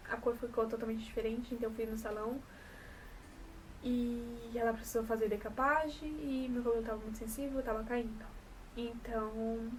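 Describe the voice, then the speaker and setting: A woman's voice: on the high side, darkish tone. Young Brazilian woman vlogger, São Paulo coast accent, chatty and rambling, slightly distant mic with a faint room hum. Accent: São Paulo coast Brazilian Portuguese. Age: 20s. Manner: chatty, rambling, self-correcting. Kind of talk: casual to-camera vlog.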